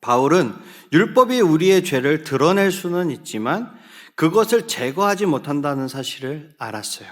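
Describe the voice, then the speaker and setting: A man's voice: on the high side, very animated, moderate pace. A man preaching a sermon to a youth group in a church, often asking the listeners questions and calling on them to read aloud together. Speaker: youth pastor.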